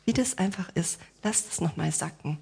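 A woman preaching a sermon, speaking straight to the congregation with rhetorical questions, playful asides and gentle reassurance. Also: lowish voice, moderate pace, gravelly, slightly rough.

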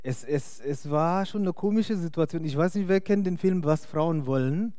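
Preaching casually in German, which is not his native tongue, a young man sounds chatty and unsure, filling pauses and laughing often. His voice sits a little high and mellow, at an ordinary pace, with studio-quality sound and no room echo.

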